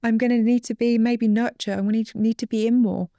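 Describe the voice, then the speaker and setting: A woman relationship coach talking as an interview guest, earnest and teaching, sometimes dropping to a soft, whispery emphasis. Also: a little high, little pitch movement, quick pace, no room sound, studio quality.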